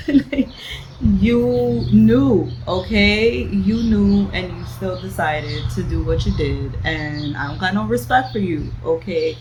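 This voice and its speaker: A book vlogger from the Bronx, New York, rants slowly in a mid-range voice during a casual reading vlog. Blunt and sassy, she repeats phrases for emphasis, and her home recording is noisy.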